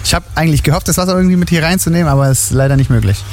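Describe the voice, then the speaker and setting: Low-quality recording, man, upbeat organizer, casual interview, faint fan hum, large indoor hall. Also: racing, a little mellow. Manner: upbeat, promotional, explains in detail. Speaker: event organizer being interviewed. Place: indoor event hall with running fans. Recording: noisy, live in a large hall.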